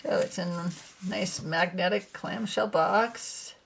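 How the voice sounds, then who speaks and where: A woman's voice: fairly low pitch, fairly even intonation, takes it slowly, creaky, slight background noise. A woman hosting a casual tarot unboxing video, musing to herself as she handles the cards, a little out of breath. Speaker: tarot channel host.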